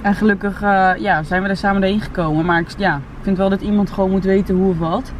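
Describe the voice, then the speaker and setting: A woman's voice: mid-range voice, steady tone, quick pace. A young woman, a reality TV contestant, chatting candidly and bluntly as a guest. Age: young adult. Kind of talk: casual chat. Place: inside a parked car. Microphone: camera on the dashboard. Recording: distant mic in car, faint hum.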